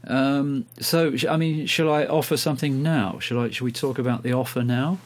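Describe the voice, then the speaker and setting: A man's voice: mid-range voice, fairly even intonation, normal speed. A man hosting a radio programme in a hesitant, self-deprecating, chatty way, speaking into a handheld recorder like a dictaphone. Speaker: radio host. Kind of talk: casual chat. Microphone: speaking into a recorder during a phone call.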